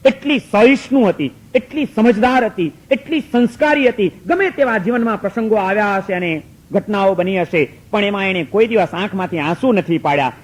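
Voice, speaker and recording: Preacher, male, high voice, emphatic and repetitive sermon storytelling, rhetorical questions. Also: low-quality recording.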